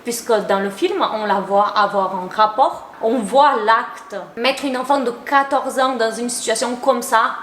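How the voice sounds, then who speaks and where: A woman's voice: on the high side, a little hiss or hum. Chatty young woman in a roomy room. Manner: chatty and opinionated, uses casual slang. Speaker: YouTuber. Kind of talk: casual commentary to camera. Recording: roomy echo.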